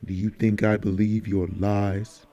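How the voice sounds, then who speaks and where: A man's voice: on the low side, little pitch movement, measured pace, dark tone, lo-fi sound, voice pushed down. A man voicing a cold, sneering mob enforcer who taunts his captive. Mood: menacing. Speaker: audiobook character.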